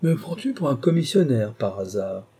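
A man's voice: medium pitch, animated, moderate pace, dark tone, breathy edge. A man reading an audiobook who voices an irascible, pompous older uncle in an overbearing, indignant manner. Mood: blustering.

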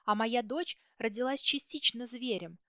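A woman narrating a first-person story as an audiobook reader, steady and dramatic. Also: a little high, normal speed, no echo. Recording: dull, dry audiobook recording.

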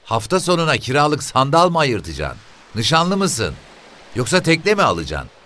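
A man reading aloud and voicing a loud, shrill, quick-tempered old mother at the seaside, his voice pushed far higher than his own. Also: wildly swooping pitch, a little hiss or hum. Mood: scolding.

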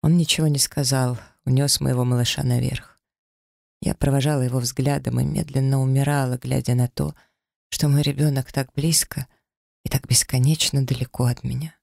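A man's voice: mid-range voice, little pitch movement, normal speed, creaky, darkish tone, no echo, studio quality. A man reading a first-person story as an audiobook narrator, dramatic and emotional.

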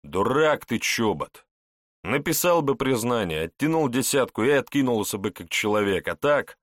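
A man voicing a coarse, mocking male police investigator who talks in gruff slang, in an audiobook. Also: mid-range voice, lively intonation, normal speed, no echo, studio quality, pitched above the performer's own voice, lightly acted. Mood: scornful.

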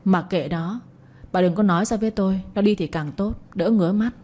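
A woman's voice: medium pitch, brisk, dark tone, lightly acted. A woman reading an enraged old village father. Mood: furious. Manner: scolding, contemptuous. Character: angry older village father, harsh and scornful.

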